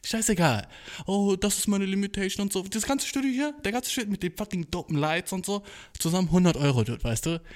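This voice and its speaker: Young male podcaster, slightly high voice, loose slang full of English curses, cheap phone mic. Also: animated, a little fast. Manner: slangy, full of English swearing, "Bro" and "Dude". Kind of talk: casual solo podcast monologue. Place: small makeshift home studio. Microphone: cheap smartphone.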